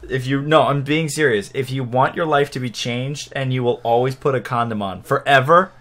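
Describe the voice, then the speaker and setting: A man chatting casually with his co-host while gaming, relaxed and teasing. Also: mid-range voice, normal speed.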